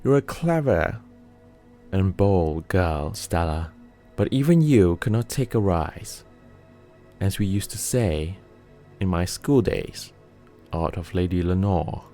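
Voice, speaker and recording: A man's voice: deep voice, animated, takes it slowly, warm tone, faint music behind. A man playing a teasing, jovial old uncle in whispered role-play, with a wry manner. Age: older.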